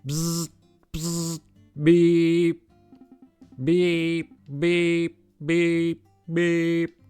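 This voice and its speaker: A man's voice: on the high side, monotone, drawn-out words, a little mellow, clear, resonant tone, faint music behind, pitched above the performer's own voice. A man voicing an odd, twitchy man who beeps in a mechanical robot-like voice during a game playthrough. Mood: beeping. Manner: chanting beeps in a raised, mechanical tone. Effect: robot voice, imitated beeps.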